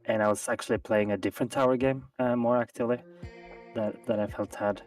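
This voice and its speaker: A fast-talking man with a steady, mid-range voice joins a live gaming stream for casual chat. Though quick, he's thoughtful and hesitant, often restarting, and the distant mic picks up faint music.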